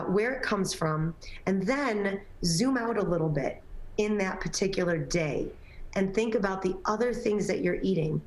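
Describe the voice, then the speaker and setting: Her voice mid-range and a touch scratchy, a woman guest on a morning talk show, a personal trainer and nutrition coach, speaks casually with many filler words. The audio has a roomy sound.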